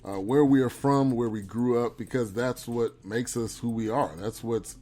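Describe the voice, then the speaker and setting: A man's voice: medium pitch, normal speed, mellow. A man hosting a casual interview show, friendly, with loose phrasing and frequent repeats. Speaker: show host.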